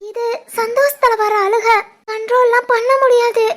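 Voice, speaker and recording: A woman voicing a tender, emotional young pregnant village wife in an animated family drama, with a Tirunelveli Tamil accent and a soft, tearful way of talking. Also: extremely high pitch, normal speed.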